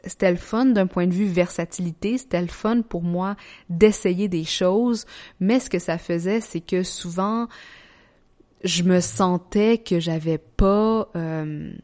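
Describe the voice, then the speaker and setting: A young woman with a Quebec French accent talks casually as a solo podcast host. Her voice sits a little low for a woman. She keeps it soft, hushed and gentle, like someone talking at home at night without wanting to wake anyone. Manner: soft, hushed, gentle delivery so as not to wake a sleeping child. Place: living room at home at night.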